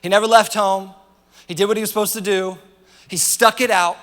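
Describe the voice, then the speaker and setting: A man's voice: sits high, brisk. A man preaching a sermon as a pastor, animatedly retelling a story with playful asides. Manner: animated storytelling, acting out the parable. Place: church auditorium. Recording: church hall reverb, faint music behind.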